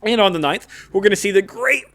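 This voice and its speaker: A man hosting a casual history recap, telling events in an animated, informal, salty-tongued way. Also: sits high, quick pace. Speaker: podcast host.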